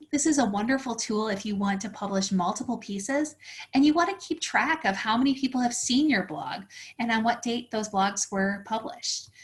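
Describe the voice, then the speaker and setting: A woman leads a teacher training webinar, explaining each step in a friendly, practical way. Her voice sits a little high, and she links her points with many "so"s. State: slightly out of breath. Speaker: teacher trainer presenting a workshop. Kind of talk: instructional webinar walkthrough.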